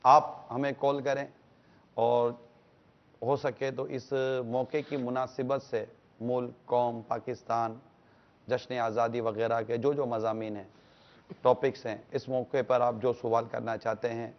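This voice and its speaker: A man's voice: medium pitch, flat delivery. A man from Pakistan co-hosts a religious talk show, announcing to viewers in a mid-range voice. The broadcast sound is dull and lo-fi. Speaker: co-host.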